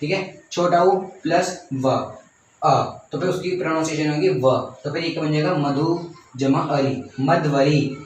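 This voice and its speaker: A man's voice: fairly high pitch, measured pace, slight background noise. A young man teaching a grammar lesson step by step, repeating points and often saying okay. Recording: very echoey room, voice from far off.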